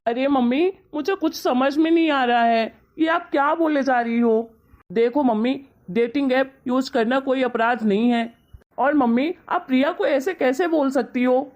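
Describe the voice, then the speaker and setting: A woman's voice: medium pitch, steady tone, normal speed, highs cut off, natural voice. A woman voicing an earnest young husband in a cartoon story, pleading with his mother. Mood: upset.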